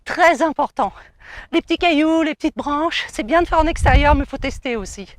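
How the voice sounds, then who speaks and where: A woman's voice: sits high, moderate pace, no echo, studio quality. A woman fitness coach guiding a cardio workout outdoors, giving encouraging, coaxing cues and counting down. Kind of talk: guided cardio workout instruction.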